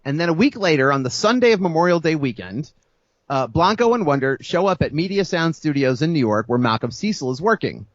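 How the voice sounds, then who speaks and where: A man co-hosting a podcast, telling a music-history story in a casual, animated way, acting out the people he quotes and laughing often. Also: a little high, a little fast, no room sound, muffled recording. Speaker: podcast co-host.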